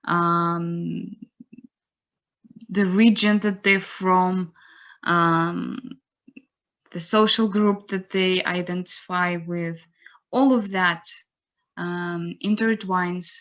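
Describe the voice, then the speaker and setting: A young woman giving an online lecture, unhurried and pausing to search for words. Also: on the low side, level tone, a bit bright. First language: Russian. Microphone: computer mic on a video call. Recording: slightly dull video-call audio.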